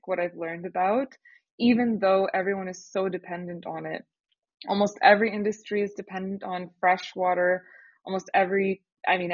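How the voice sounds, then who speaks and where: Young woman, earnest startup founder type, husky timbre, dry dull studio recording. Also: lowish voice, dry recording. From Canada. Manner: earnest, lively, with filler pauses. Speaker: startup founder, podcast guest. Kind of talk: casual interview talk.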